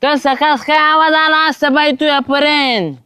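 A man playing a tipsy, quarrelsome village man who dodges a debt, with a loud, bickering manner. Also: very high voice, steady tone, normal speed, dry recording, clean studio sound. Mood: arguing. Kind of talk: village comedy web series.

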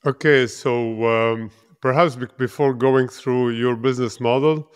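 Smooth-voiced hesitant podcast host man. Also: mid-range voice, steady tone, unhurried. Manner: hesitant, many uh fillers. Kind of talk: interview hosting. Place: office room, indoors.

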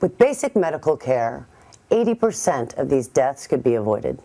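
A woman in her thirties hosting a television show, measured and serious in a scripted way. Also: rumbling low, sing-song, dark tone. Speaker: show host.

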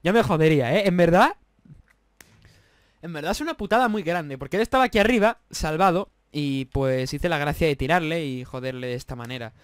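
A man's voice: on the high side, expressive, fairly quick, smooth, no echo, studio quality. A young man with an accent from Spain, commentating his gameplay in a rowdy, swearing, mock-apologetic way. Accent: Spanish from Spain. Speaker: gaming YouTuber.

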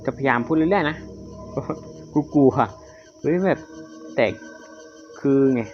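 A man's voice: on the high side, slow pace. A man doing casual commentary on a horror game as he plays, jumpy, exclaiming often and swearing freely. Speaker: game streamer. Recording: somewhat dull lo-fi audio with loud game music. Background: horror game music and sound effects.

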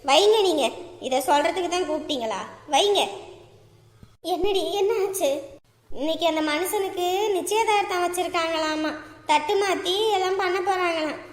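A woman's voice: very high voice, moderate pace. A woman playing a bitter, dramatic middle-aged mother who complains tearfully, in a comedy sketch recorded in an echoey room. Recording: echoey room with long reverb.

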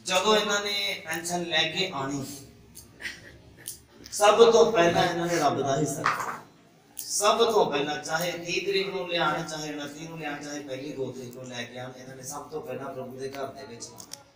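Filmed from a distance in an echoey church hall, a young pastor works the congregation with call-and-response questions into a handheld mic at the pulpit. His pitch is fairly high and his pace moderate, and the crowd can be heard around him.

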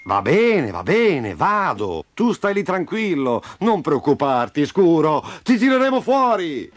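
A man's voice: on the high side, sing-song, moderate pace, music in the background, voice pushed up. A man reading a storybook, voicing a timid but brave little boy who talks eagerly and anxiously.

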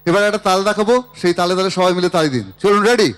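An older man with a hoarse voice from a cold, chatting from a festival stage and urging the audience to clap along. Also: sits high, rapid-fire. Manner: chatty, coaxes the crowd to clap. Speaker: singer and stage performer. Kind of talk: live stage talk to an audience.

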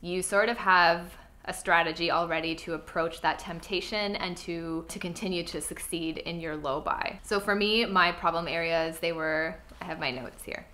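A young woman vlogging about style chats to camera from home, next to a clothing rack, sounding a bit stuffy from a cold. She's earnest and talkative, using lots of fillers, and her fairly low, steady voice is pushed and bright at a moderate pace.

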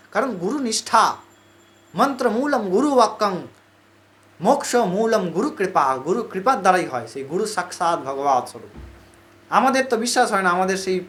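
A man's voice: high voice, expressive, normal speed, pauses often, a bit bright. A man telling a devotional story in a conversational sermon style, repeating phrases for emphasis and voicing the characters himself. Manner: conversational, repetitive, acts out the characters. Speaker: religious storyteller.

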